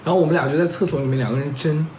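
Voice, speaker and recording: Fast-talking young man, roomy echo. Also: a little high, fairly even intonation, warm tone, a little hiss or hum. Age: young adult. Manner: rambling, strings clauses with "and then", checks in with listeners. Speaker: vlogger telling a couple story. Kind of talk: casual storytelling.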